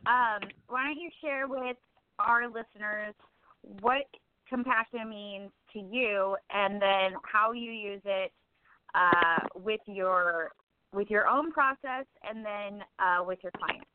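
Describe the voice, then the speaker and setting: A woman's voice: medium pitch, slow, slight background noise. A woman co-hosting a casual online radio talk show, upbeat and friendly as she introduces her guest and asks questions. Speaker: co-host. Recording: phone-line call-in audio.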